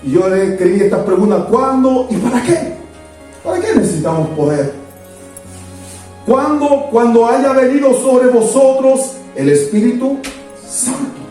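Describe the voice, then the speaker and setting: Guy preaching hard, high-pitched but dark tone, lots of repeating, far off in a super echoey church, soft music under. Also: animated, a little slow. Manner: fervent preaching in repeated emphatic lists. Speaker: pastor. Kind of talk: sermon. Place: church sanctuary. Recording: echoey church, distant mic, faint music.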